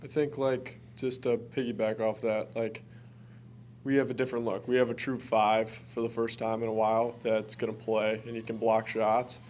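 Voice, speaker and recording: With a fairly low, darkish voice and a level tone, a college basketball player from Wisconsin, United States, talks at normal speed during a press conference. He is in his early twenties and answers earnestly and informally over slight background noise.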